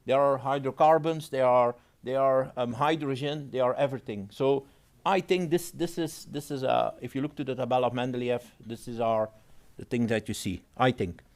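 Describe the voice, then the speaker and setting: A man with an other than giving a technical presentation at a conference. He pauses, repeats words and phrases things in his own way. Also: medium pitch, fairly even intonation, darkish tone. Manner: halting, repeats words, non-native phrasing. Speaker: conference speaker.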